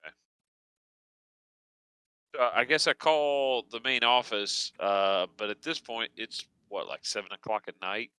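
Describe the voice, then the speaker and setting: A man's voice: medium pitch, a little slow, long pauses, bright, forceful tone, smooth, no room sound. A man playing a tabletop game, talking tentatively and joking. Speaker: player. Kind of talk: casual tabletop play.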